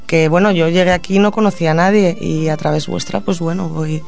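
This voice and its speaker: A woman from Madrid speaks as a guest in a radio studio, earnest and reflective. She pauses often to gather her thoughts, with soft music faint behind her. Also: on the low side, steady tone, vocal fry. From Madrid, Spain. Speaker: guest, social educator and puppeteer. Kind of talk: radio interview, answering questions.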